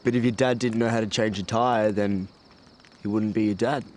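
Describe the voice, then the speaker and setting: An actor playing a slow, halting teenage boy in his late teens who mumbles his words, in film dialogue. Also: fairly low pitch, fairly even intonation, darkish tone, natural voice. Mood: ponderous.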